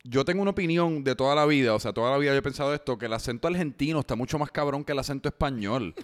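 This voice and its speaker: A young man, hosting a podcast in a relaxed, joking way and swearing casually. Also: medium pitch, rapid-fire. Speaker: podcast host.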